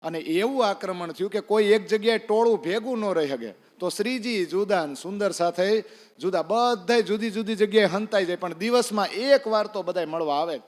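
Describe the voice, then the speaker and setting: A man's voice: high-pitched, moderate pace. A man tells a devotional story in a sermon. He acts out the characters' lines and asks the listeners questions. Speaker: preacher. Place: temple hall. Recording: long reverb in a temple hall.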